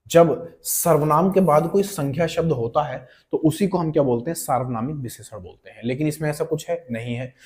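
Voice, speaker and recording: A man teaches an online grammar lesson for exam prep, speaking to students like friends in a conversational, coaxing way and frequently checking that they follow. He slowly repeats key words and example sentences in a voice on the high side with a darkish tone.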